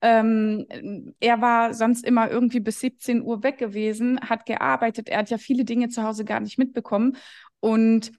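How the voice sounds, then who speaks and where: A woman hosts a podcast in easy, casual chat. Her voice sits slightly high, and she mostly gives short, agreeing replies. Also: level tone, normal speed, a little mellow. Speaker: podcast host.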